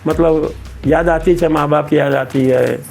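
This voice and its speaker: A retired army veteran in his eighties from Betul, central India, rambles through his memories in a fairly high, steady, measured voice that is creaky and darkish. He repeats words and acts out old conversations, with soft music in the background.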